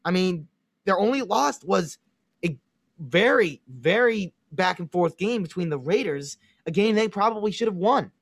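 A man's voice: high voice, animated, normal speed, gravelly, no room sound, clean studio sound. A man with a Chicago accent co-hosting a casual sports podcast, confidently analyzing teams and making predictions. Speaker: podcast co-host.

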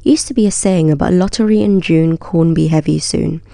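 A woman voicing a cranky old villager from a storybook, complaining scornfully about young folks. The voice is gravelly and mellow. It sits close to the reader's own pitch. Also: normal speed, no room sound. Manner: petulant, scornful grumbling. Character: grumpy old village man.

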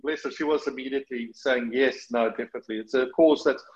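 A man's voice: mid-range voice, steady tone, fast, dull audio. A middle-aged man with a South African accent, a charity guest talking earnestly in an interview, with many fillers and restarts. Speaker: charity partnership manager, guest. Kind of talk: conversational interview.

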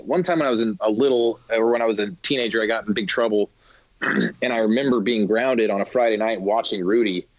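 A man's voice: lowish voice, no echo, highs cut off. A man in his thirties co-hosting a sports podcast in casual chat, rambling with many restarts. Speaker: podcast co-host.

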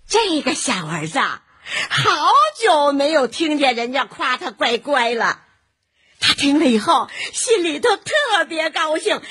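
A woman narrating a children's story in an expressive, animated way. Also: high-pitched. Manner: expressive and animated, slow-paced.

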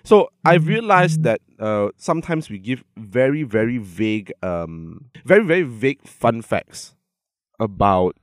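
A man's voice: medium pitch, sing-song, measured pace, dry recording, studio quality. A man with a Malaysian accent co-hosting a casual comedy podcast, speaking Malaysian slang English with local particles and plenty of swearing. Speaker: podcast co-host.

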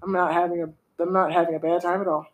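Her voice is lowish and level, and she talks fast: a woman co-hosting a podcast from home, animated, casual and opinionated, with frequent "y'all."

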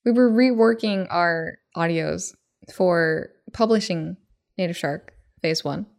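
A woman's voice: lowish voice, slow pace, vocal fry, darkish tone. A woman hosting a casual interview about learning Japanese, friendly and playful. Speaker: podcast host.

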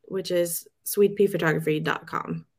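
A woman's voice: on the low side, steady tone, moderate pace, creaky, husky. A young woman talks casually as an interview guest. She rambles, restarts her sentences and fills gaps with "like" and "um", laughing easily between thoughts. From Sweden. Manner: rambling, many fillers and restarts, laughs often. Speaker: guest photographer.

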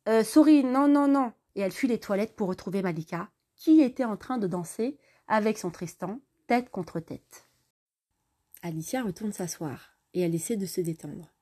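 Husky, mellow woman storyteller. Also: fairly low pitch. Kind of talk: narrated story reading.

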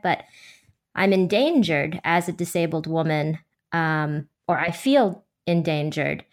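A woman speaking as a panelist in a thoughtful, conversational discussion, articulate and measured, with academic wording. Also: lowish voice.

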